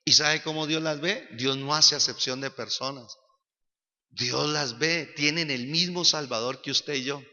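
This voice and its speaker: A male pastor preaching a sermon, animated and building up to shouts. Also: a little high. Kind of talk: church sermon. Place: church sanctuary. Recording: reverberant church hall, dull sound.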